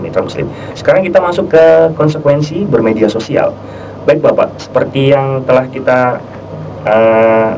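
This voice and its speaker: A man's voice: medium pitch, a little mellow. A man presenting a radio talk show conversationally, polite and deferential, with somewhat hesitant phrasing. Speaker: radio host. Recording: slightly distant mic, faint noise.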